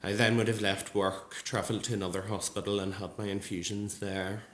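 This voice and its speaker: Man, early thirties, low voice, earnest testimony speech, echoey hall. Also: level tone, fairly bright tone. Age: 30s. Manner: earnest, measured, with frequent ums. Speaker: nurse speaking at a support group event. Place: large gallery hall. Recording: echoey hall with faint ambience.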